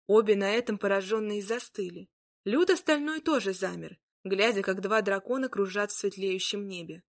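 Female narrator for a fairy tale, mid-pitched storybook reading. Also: moderate pace.

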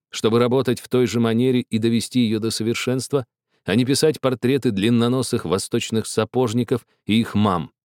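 A man reading a story aloud in a steady, wry narrating manner. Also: mid-range voice, no echo, studio quality. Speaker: audiobook reader. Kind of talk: scripted narration.

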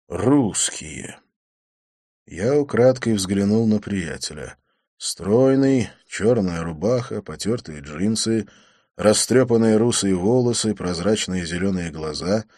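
A man reads a novel aloud in a low voice with lively, shifting intonation. The sound is dry and close, like a studio booth. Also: no room sound. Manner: expressive reading. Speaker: audiobook narrator. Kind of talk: scripted narration.

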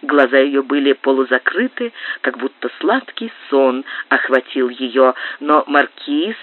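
A woman's voice: extremely low pitch, expressive, measured pace. Woman narrating a novel on tinny tape. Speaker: audiobook narrator. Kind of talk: literary audiobook narration. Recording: tinny narrow-band dry digitized tape.

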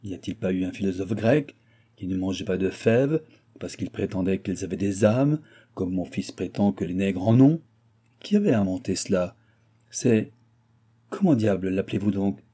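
Old mocking nobleman, man narrator, low husky tone, loud exclamations. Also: animated, moderate pace. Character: old skeptical boisterous male baron.

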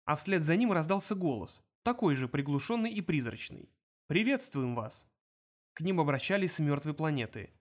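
A male audiobook narrator, his voice sitting a little high. He reads the prose in an expressive, lively manner. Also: brisk, few pauses. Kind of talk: scripted narration.

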